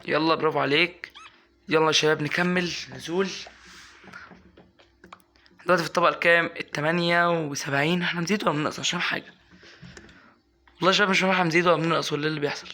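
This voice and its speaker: A young man with an Egyptian Arabic accent giving casual gameplay commentary, coaxing and scolding his in-game pet and breaking into excited yelps. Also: on the high side, rapid-fire, long pauses. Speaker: gaming YouTuber.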